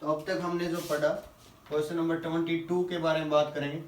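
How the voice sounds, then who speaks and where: A male physics teacher going through quiz questions, asking the class questions and answering them himself, reading English questions slowly before explaining. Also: a little high, level tone, far from the mic, a little hiss or hum. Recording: echoey room, voice a little off-mic.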